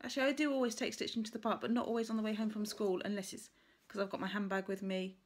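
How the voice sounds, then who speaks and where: A woman vlogger chats casually to the camera about stitching and her crafts, rambling and correcting herself as she thinks out loud. She speaks fast in a medium-pitched, flat voice.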